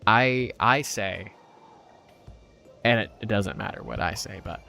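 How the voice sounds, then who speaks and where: A young Puerto Rican streamer, his voice lowish, gravelly and sharp yet expressive, talks at a measured pace during a casual gaming livestream. Over game music he wanders off topic, loses focus easily and reads out messages from chat.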